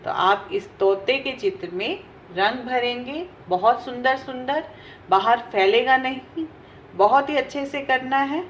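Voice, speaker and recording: Slow, patient woman teaching children. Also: high-pitched. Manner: slow and patient, asks and answers her own questions. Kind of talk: explaining a textbook exercise to children. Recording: dull lo-fi recording with faint hiss.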